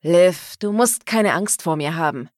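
A woman's voice: lowish voice, measured pace, no echo, clean studio sound, natural voice. Woman doing a smug teasing gangster man. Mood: taunting.

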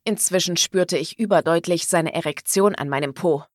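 A woman narrates a novel in the first person with a calm, measured delivery. Her voice sits on the lower side for a woman. The studio recording is dry and close, with no room echo. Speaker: audiobook narrator.

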